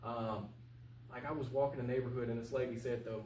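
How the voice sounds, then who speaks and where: With a flat delivery and dark tone, a mid-range male voice moves a little fast as a local-office candidate in his twenties is interviewed. He talks casually and earnestly, colloquial and emphatic, repeating points for stress, picked up by a distant mic in a roomy space with a faint hum.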